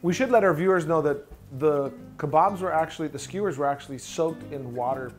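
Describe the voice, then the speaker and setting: A man's voice: on the high side, brisk. A man in his thirties hosting a cooking show, chatty, recapping the steps and measures. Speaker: host. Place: home kitchen, indoors. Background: guitar music.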